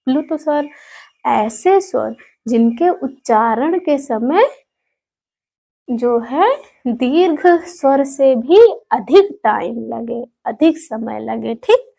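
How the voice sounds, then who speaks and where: A woman teaching a grammar lesson, going slowly, repeating herself, drawing out example sounds and often checking with a rising "okay?". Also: a little high, gravelly. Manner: slow, repeats points, keeps asking "ठीक?" with a sharp rise. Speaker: Hindi teacher. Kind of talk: classroom-style grammar lesson.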